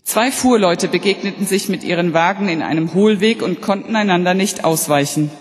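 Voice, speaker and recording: A woman pastor giving a sermon in a calm, deliberate way, slowing down on key sentences. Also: lowish voice. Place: church. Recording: long church reverb.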